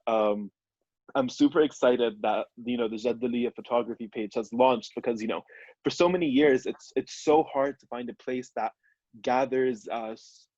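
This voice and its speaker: Young man, earnest and eager, mid-pitched, dry and muffled lo-fi sound. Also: darkish tone, dry recording. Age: young adult. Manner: earnest, enthusiastic. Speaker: photojournalist, co-editor. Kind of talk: video call panel introduction.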